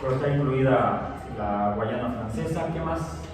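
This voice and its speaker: In a classroom, a male science teacher delivers a wandering lecture, stumbling over fillers and false starts. His voice is medium in pitch and his pace unhurried, captured on a distant mic in an echoey, noisy room.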